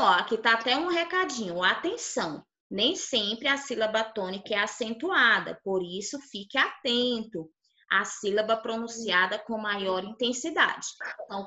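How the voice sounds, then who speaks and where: A young primary school teacher with a Brazilian Portuguese accent teaches small children online from an echoey room. Her voice is a little high, bright and forceful, and she explains patiently step by step, often checking that they understood.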